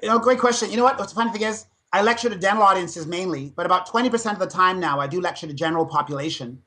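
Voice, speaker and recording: In a podcast interview, a dentist and fitness speaker in his fifties tells stories with lots of energy. His voice is high and he talks very fast, animated throughout.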